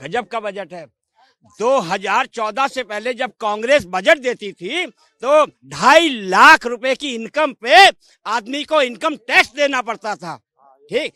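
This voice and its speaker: A man's voice: very high-pitched, lively intonation, takes it slowly, bright, forceful tone, dry recording. A man from the public giving his opinion in a street interview, emphatic and enthusiastic, with a mocking edge. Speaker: member of the public. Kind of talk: street vox pop opinion.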